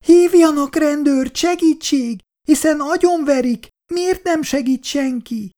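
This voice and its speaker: A nervous young woman on a night out in a 1960s radio drama. Her high voice rises sharply and turns shrill, with a lively swing in pitch. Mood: terrified.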